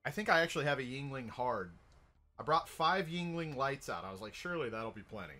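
An American man chats on a livestream in a rowdy, jokey way, swearing freely throughout. His mid-range voice is animated and sharp-toned, and he talks a little fast. Faint music plays behind him.

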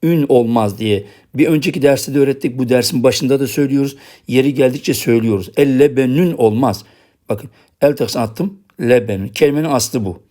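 A man with a Turkish accent teaching Arabic writing, saying each example word slowly twice and then explaining it quickly. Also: medium pitch, dark tone. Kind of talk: recorded lesson.

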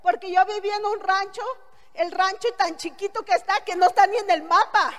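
A middle-aged woman with a Mexican Spanish accent tells her story with blunt, earthy humor. Her voice sits very high. The speech rings with a long hall reverb. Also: steady tone, brisk, fairly bright tone. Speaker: motivational speaker. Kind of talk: testimonial speech to an audience.

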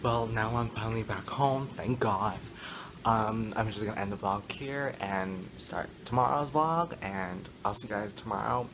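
A teenage boy vlogging casually on a trip, talking to the camera with dramatic slang and gushing reactions. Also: fairly low pitch. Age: teens. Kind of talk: casual travel vlog. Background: loud music.

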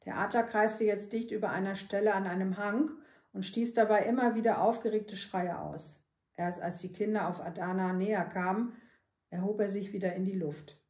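A woman, a librarian, reading a children's book aloud with calm, steady storytelling. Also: mid-range voice, normal speed, echoey room.

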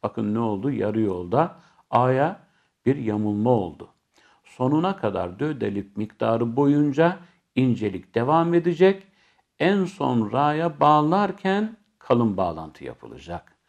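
A man teaching Quran recitation, explaining each letter step by step and then chanting the verses slowly. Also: mid-range voice, big pitch swings, gravelly, a little mellow.

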